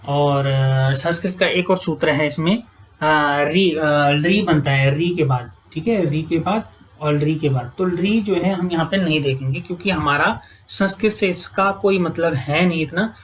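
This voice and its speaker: A woman's voice: low-pitched, measured pace, slight background noise, poor audio. Woman teaching grammar at a whiteboard. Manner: often adds "ठीक है" to check understanding; asks students questions and answers them herself.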